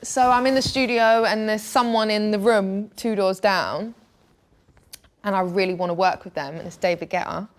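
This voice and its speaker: A young woman with a northern English accent, a guest telling stories in a blunt, animated way in casual interview chat. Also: mid-range voice, normal speed. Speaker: guest singer-songwriter.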